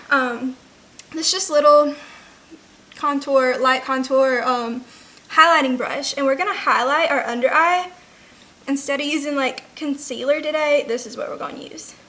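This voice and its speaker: Casting: young adult woman, high-pitched and bright, for casual makeup tutorial talk. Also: measured pace. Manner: informal, frequent "like" as filler. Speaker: beauty vlogger. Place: indoors, rain audible outside.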